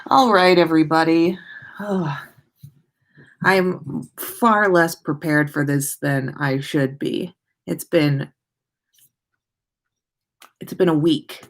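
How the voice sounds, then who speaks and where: Low and steady, this American woman's voice moves slowly with long pauses. Hosting a podcast livestream from her room, she rambles casually and playfully, adding sing-song asides, and comes across as tired.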